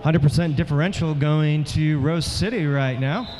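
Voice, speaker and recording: A man's voice: fairly high pitch, normal speed, noisy background. A man announcing team rosters and giving color commentary on a junior roller derby game.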